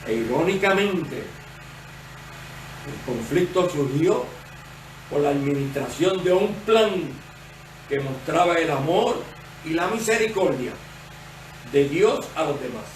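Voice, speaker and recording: An associate pastor with a Puerto Rican Spanish accent gives a sermon, his high male voice animated yet measured as he explains. The recording is roomy and distant, made in a spacious church with faint noise.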